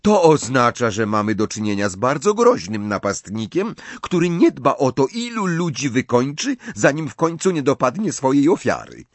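A man's voice: mid-range voice, big pitch swings, normal speed, few pauses, no echo, voice pushed up. A man voicing a clever, precise teenage girl in a storybook reading, with a stuffy, slightly nasal voice, explaining point by point. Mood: ominous.

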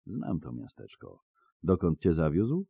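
A man's voice: sits low, sing-song, unhurried, gravelly, slightly rough, no room sound, phone-quality sound, heavily acted. A man doing a stern tribunal interrogator. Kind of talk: audiobook character voice.

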